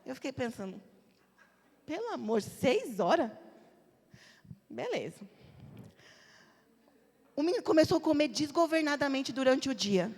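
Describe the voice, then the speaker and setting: A woman's voice: high-pitched, big pitch swings, measured pace, long pauses, darkish tone. A woman pastor, preaching an emphatic sermon and telling stories with acted quotes. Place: church hall. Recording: reverberant church hall.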